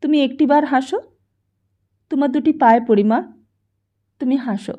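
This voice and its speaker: Audiobook figure: a pleading, earnest young son, read by a woman, higher pitched, muffled lo-fi recording. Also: moderate pace, close to an everyday voice. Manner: pleading, soft earnest appeals. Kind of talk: audiobook character voice. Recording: dull lo-fi recording.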